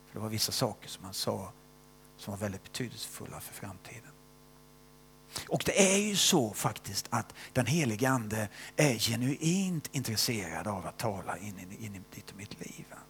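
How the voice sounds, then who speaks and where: An older man preaching a sermon and telling his own testimony, moving between loud stressed phrases and hushed whispers and often tagging questions onto his sentences. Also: fairly low pitch, sing-song, a little hiss or hum.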